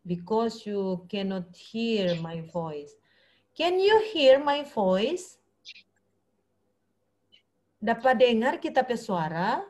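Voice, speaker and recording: A woman's voice: fairly high pitch, big pitch swings, takes it slowly, long pauses, a little mellow, rough recording. A woman teacher with an Indonesian accent leading an online English class over a video call, coaxing her students and switching between English and Indonesian.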